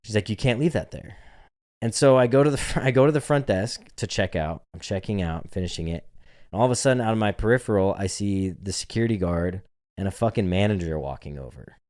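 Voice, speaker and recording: Young male podcast co-host with a low register. Profane, animated storyteller who acts out the dialogue. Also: quick pace. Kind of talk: casual storytelling chat.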